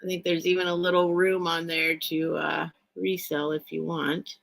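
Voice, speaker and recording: A woman's voice: fairly low pitch, flat delivery, normal speed, vocal fry, fairly bright tone, low-quality recording. A woman hosting a casual livestream sale of vintage items, thinking aloud and chatting in a rambling way. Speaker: online seller, host of live sales. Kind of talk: casual livestream sales chat.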